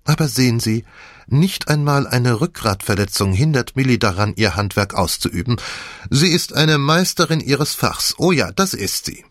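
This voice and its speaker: A man's voice: mid-range voice, expressive, moderate pace, fairly bright tone, dry recording, studio quality, pitched above the performer's own voice, close to an everyday voice. A man voicing a jovial man who gloats heartily while exposing a swindler, in an audiobook. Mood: gloating hearty. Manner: hearty, theatrical.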